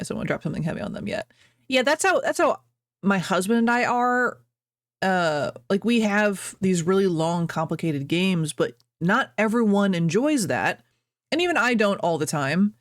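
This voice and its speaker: A woman's voice: on the low side, dry recording, clean studio sound. A young adult woman streamer chatting casually at home, rambling, reading chat aloud and laughing often. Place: at home, birds outside.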